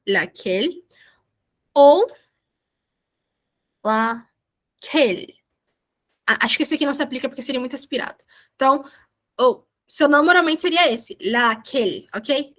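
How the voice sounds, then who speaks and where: A young woman teaches an online class over a video call, chatty and encouraging, drawing out example words slowly. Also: sits high, expressive. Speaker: language teacher.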